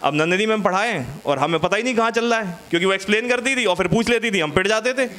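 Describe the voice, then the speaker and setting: A male stand-up comic with a notably high voice, spinning stories in a loose, chatty way. He keeps breaking off to banter with his audience on a small studio stage. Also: quick pace, pushed and bright. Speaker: stand-up comedian. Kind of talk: stand-up comedy set.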